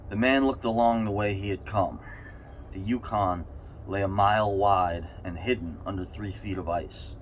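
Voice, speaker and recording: A man reading a short story aloud with deliberate, paused phrasing while sitting in the cold of an ice bath. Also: lowish voice. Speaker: reader. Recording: steady background noise.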